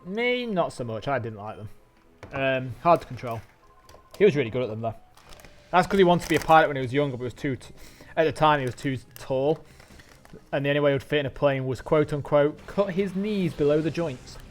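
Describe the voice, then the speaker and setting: A man's voice: a little high, lively intonation, a little fast. Chatty English man streaming a game. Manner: rambling, chatty, talks with mouth full. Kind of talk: casual live-stream chat while gaming.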